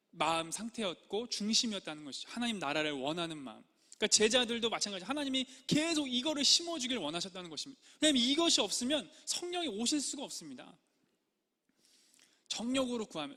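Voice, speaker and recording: A man's voice: high voice, sharp tone, long reverb tail. A male pastor preaching a sermon earnestly, acting out prayers and quoted speech as he goes.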